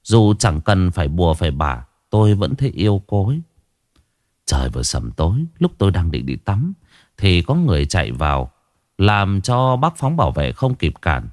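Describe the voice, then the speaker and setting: A man telling a first-person ghost story in an expressive, dramatic way. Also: low-pitched, normal speed, no room sound, clean studio sound.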